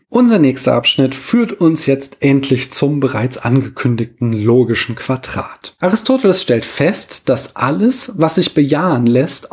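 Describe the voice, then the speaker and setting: A man's voice: fairly high pitch, a little mellow, slightly rough. A man hosting an educational podcast, reading a scripted explanation and dropping in dry, joking asides. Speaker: podcast host explaining philosophy. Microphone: podcast microphone.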